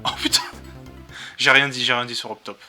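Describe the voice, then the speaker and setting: A man's voice: mid-range voice, fairly even intonation, a little fast, pushed and bright, faint music behind. Muttering man playing a video game. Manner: swears, mutters to himself. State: sore throat from voice acting. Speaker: let's play host. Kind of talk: casual gameplay commentary.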